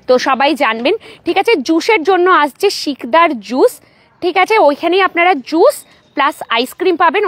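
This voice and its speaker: A woman with a Bengali accent hosting a casual live stream, chatting with viewers and checking in with them often. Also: high-pitched. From West Bengal, India. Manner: chatty, keeps asking "ঠিক আছে?" to viewers. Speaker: local vlog host.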